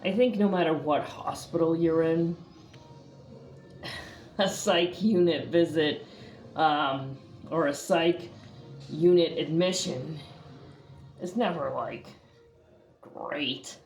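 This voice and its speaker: Slow, chatty woman vlogger. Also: low voice, a little mellow, soft background music. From northeastern US. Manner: chatty and rambling, with many fillers and restarts. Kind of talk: casual talking-to-camera vlog.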